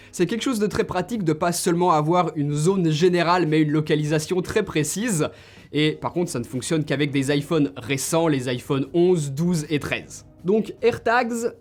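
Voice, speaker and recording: Upbeat French tech reviewer, higher voice. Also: male voice. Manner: enthusiastic, direct, addresses viewers informally. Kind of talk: tech gift recommendations to camera.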